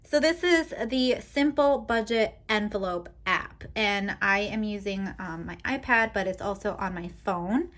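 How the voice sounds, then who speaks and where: A woman talking to her viewers as a budgeting vlogger, casual and chatty. Her pitch sits right in the middle for a woman. She keeps a friendly, direct-to-camera flow, sprinkled with ums. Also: expressive, measured pace, hardly any pauses, fairly bright tone. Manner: chatty, talks straight to viewers with frequent ums.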